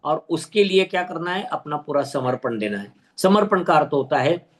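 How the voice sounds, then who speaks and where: A man's voice: on the high side, lively intonation. A man leading an online teacher-training lesson. He explains step by step, asks and answers his own questions, and drills careful pronunciation. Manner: drills careful pronunciation, repeating words slowly. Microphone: video call.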